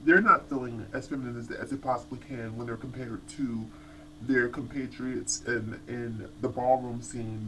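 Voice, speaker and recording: A man giving casual commentary as a TV show reviewer, animated and chatty, often restarting his sentences. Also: medium pitch, a little hiss or hum, low-quality recording.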